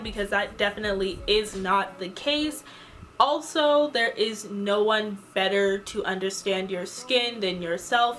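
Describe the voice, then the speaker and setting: A young woman chatting quickly and casually as a beauty vlogger, with lots of fillers. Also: mid-range voice, fairly bright tone, a little hiss or hum. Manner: talks fast and chatty, with many fillers. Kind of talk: casual skincare vlog talk.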